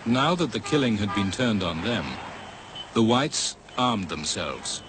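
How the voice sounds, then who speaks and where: A man's voice: lowish voice, sing-song, a bit bright, slight background noise, poor audio. Serious male documentary narrator. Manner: measured, serious.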